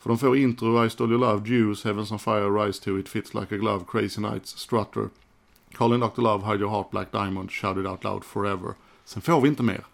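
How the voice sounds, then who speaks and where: A man's voice: lowish voice, steady tone, vocal fry. A man giving casual, frank commentary as a music collector, swearing casually as he talks through old footage.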